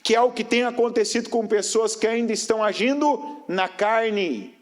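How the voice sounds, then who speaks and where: A man preaching a sermon, firing rhetorical questions at the congregation and swinging between raised emphatic phrases and low, quiet stretches. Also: normal speed.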